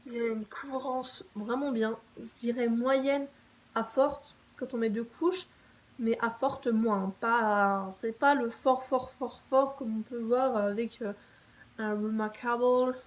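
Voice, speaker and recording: A woman's voice: a little high, fairly even intonation, slow pace, rough recording. A young woman talking casually to camera, reviewing her favourite makeup products in a chatty, enthusiastic way with frequent fillers and restarts. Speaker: beauty vlogger.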